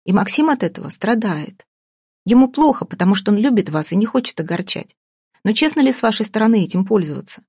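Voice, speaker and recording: A woman reading an audiobook voices a frank, guileless young woman who speaks earnestly and openly, with a husky tone. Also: mid-range voice, lively intonation, quick pace, a little mellow, no room sound, studio quality.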